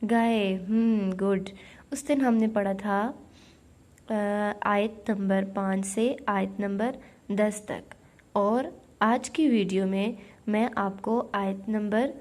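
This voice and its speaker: A woman's voice: on the high side, mellow. A young woman teaching a recitation class to young children. She is patient and asks the class questions, then answers them herself.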